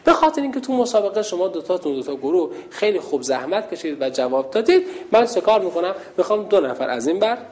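A woman's voice: on the low side, few pauses. Playful woman instructor calling out to girls. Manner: lively, playful, calls out loudly. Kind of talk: leading a children's call-and-response game.

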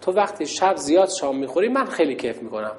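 A woman's voice: deep voice, sing-song, darkish tone. A woman voicing a sly devil spirit.

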